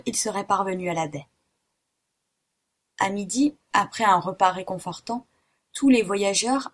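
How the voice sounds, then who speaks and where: Woman narrating a classic novel. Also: mid-range voice. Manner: measured, steady literary reading. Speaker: audiobook narrator. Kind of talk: scripted narration.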